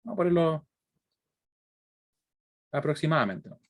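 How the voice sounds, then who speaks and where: A man with a Chilean accent, a fairly high pitch, and big swings in intonation gives a university lecture at a moderate pace. He explains didactically, working through examples step by step and frequently checking in with short questions.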